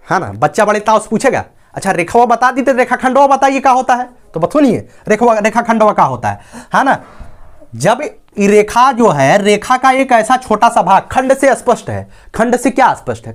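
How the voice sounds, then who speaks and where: A man teaching a maths lesson at a board. He explains step by step and keeps checking that listeners follow. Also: sits high.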